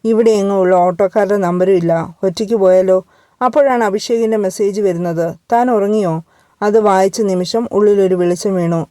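Woman storyteller, mellow and steady. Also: mid-range voice, fairly quick, no echo. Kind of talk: scripted narration.

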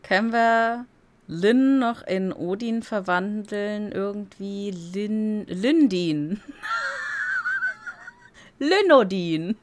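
A woman's voice: mid-range voice, extremely slow, pauses often, a little hiss or hum. A woman giving casual gameplay commentary as a let's play streamer, chatty and giggly and playfully silly.

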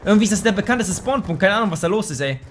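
Slangy, high-voiced young gamer guy. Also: rapid-fire, background noise. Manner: slangy, swears and trash-talks; excitable outbursts. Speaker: let's play host. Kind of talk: casual gameplay commentary.

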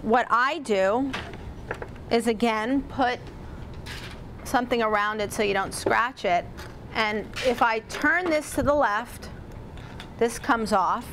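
A woman's voice: fairly high pitch, takes it slowly, long pauses, noisy background. Chatty woman demonstrating home repairs. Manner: chatty, casual, talks directly to the audience. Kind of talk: live workshop demonstration. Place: store demo room with a small audience. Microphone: lapel mic.

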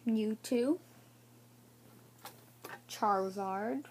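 A woman showing off trading cards in a casual video, naming each one haltingly and unsure of some names. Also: mid-range voice, a little hiss or hum. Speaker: card showcase vlogger. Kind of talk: casual card showcase.

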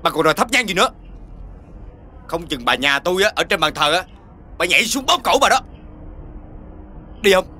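A hostile grieving widower in a TV drama, scolding in a bright, tense voice. His pitch leaps around as he rages. He sits a little higher than most men. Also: lively intonation, fairly quick, pauses often, exaggerated voice. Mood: bitter. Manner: hostile, scolding, shouting orders. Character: angry grieving widower, middle-aged in-law. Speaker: actor. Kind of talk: TV drama acting.

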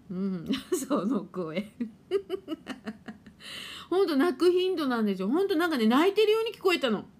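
Her voice sits in the mid-range with a slightly mellow quality. She's a middle-aged live-stream host and spiritual therapist who chats and laughs through viewer comments, even playfully acting out her washing machine.

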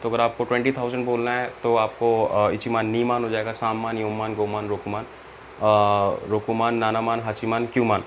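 A man's voice: on the low side, level tone, moderate pace, slight background noise. A man teaching a Japanese language lesson, patient, repeating each step and checking that the learner follows. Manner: mixes in English terms, spells out each example.

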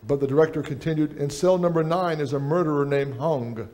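A man's voice: on the high side, fairly quick, darkish tone. Man preaching at a church lectern. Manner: preaching while reading aloud from a book. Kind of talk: sermon with book reading. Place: church sanctuary stage.

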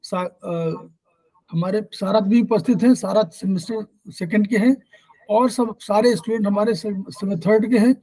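A man's voice: sits high, fairly even intonation, moderate pace, warm tone, slightly rough, low-quality recording. Formal man hosting a class. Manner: formal, ceremonious phrasing. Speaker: class organizer and host. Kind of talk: formal introduction and class moderation.

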